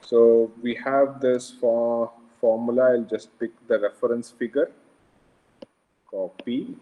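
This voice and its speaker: A man's voice: medium pitch, flat delivery, slow pace, dark tone. A man with a South Indian Kannada accent giving a live online lecture step by step, informally, often putting questions to his students. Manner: informal, frequent questions to students, repeats phrases. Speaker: engineering lecturer. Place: online class over a video call, screen shared. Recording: dull lo-fi online call audio.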